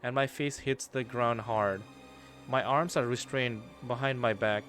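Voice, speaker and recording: A young man streaming a game, reading the story aloud and reacting with casual swearing and loud outbursts. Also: medium pitch, steady tone, unhurried. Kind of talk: let's play commentary and reading aloud. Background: game music.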